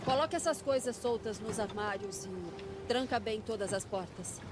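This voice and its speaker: A woman's voice: medium pitch, normal speed, background noise, natural voice. An actress with a Brazilian accent dubbing a tense, practical female boat skipper in a film thriller. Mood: practical, urgent. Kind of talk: dubbed film thriller acting.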